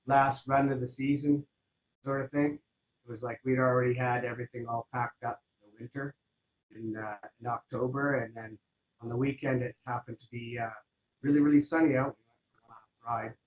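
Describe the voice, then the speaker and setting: A man, a guest in a casual interview, telling his story in a relaxed, rambling way full of fillers. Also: medium pitch, normal speed, muffled recording. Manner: relaxed and rambling, with many fillers like "you know".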